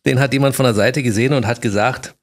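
Fast-talking gravelly radio host man. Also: medium pitch. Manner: chatty, teasing. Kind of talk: radio talk interview. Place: radio studio.

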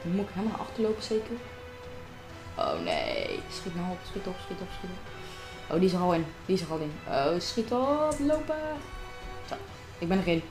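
A woman's voice: lowish voice, darkish tone, echoey room. A woman chatting casually to herself and her viewers as she plays a game at home, recorded on a desk microphone. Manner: chatty, talks to herself and viewers while playing. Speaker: gamer narrating her own gameplay. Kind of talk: casual gameplay commentary. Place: room at home.

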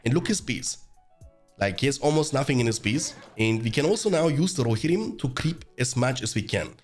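Hoarse man, quick gameplay commentary, explaining strategy, faint music under. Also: medium pitch, expressive. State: hoarse from being sick. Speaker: gaming channel host.

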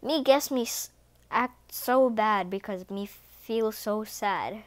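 A woman voicing a dim, gruff male cat villain who talks in blunt, broken caveman grammar in a read-aloud storybook. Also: medium pitch, slow pace, close to an everyday voice.

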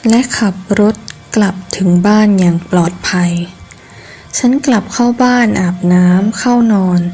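A woman reading a scripted first-person ghost story in measured, deliberate phrases with pauses. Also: mid-range voice, warm tone, soft background music. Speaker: horror story narrator.

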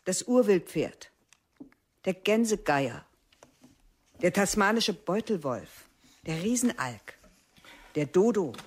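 Eine Schauspielerin spricht in einem Hörspiel eine strenge, trockene Biologielehrerin in ihren Fünfzigern, die belehrend und mit Kunstpausen doziert. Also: female voice, lowish voice, big pitch swings, slightly rough, heavily acted. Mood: lecturing. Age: 50s. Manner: measured, lecturing, with theatrical pauses. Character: strict, dry female biology teacher in her fifties. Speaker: teacher. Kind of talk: radio drama acting.

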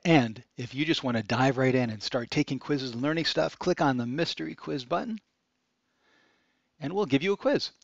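A product demo presenter narrates a screencast of a website, upbeat as he explains every click step by step. His gravelly voice is medium-pitched at a moderate pace, with no echo, and the recording is dry and slightly dull.

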